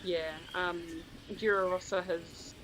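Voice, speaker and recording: A man's voice: high voice, level tone, slow, fairly bright tone, a little hiss or hum, low-quality recording. A man chatting casually about cycling as a co-commentator on a livestream. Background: music.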